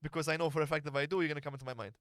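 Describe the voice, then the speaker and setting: A man's voice: a little high, fairly even intonation, racing, a bit bright, dry recording, studio quality. A man hosting a podcast, blunt, crude and teasing in casual chat. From Malta. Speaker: podcast host.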